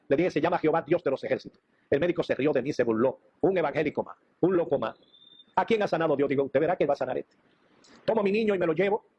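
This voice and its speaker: A man's voice: high voice, darkish tone, slightly rough. A man who is a pastor, telling a testimony in a sermon in a fervent storytelling manner, acting out the people he quotes.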